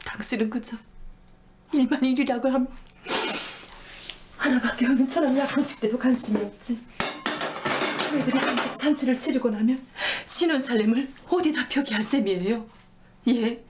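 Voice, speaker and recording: A worried housewife, played by a woman, speaks in a fairly high voice, pleading and nagging in turn. Noise hisses under the broadcast recording. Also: moderate pace, long pauses, close to an everyday voice.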